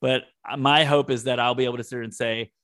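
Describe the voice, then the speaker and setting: A man's voice: medium pitch, steady tone, fast talker, fairly bright tone. A man co-hosting a podcast, talking in an earnest, reflective way as he thinks aloud. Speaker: podcast co-host. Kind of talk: casual heartfelt conversation.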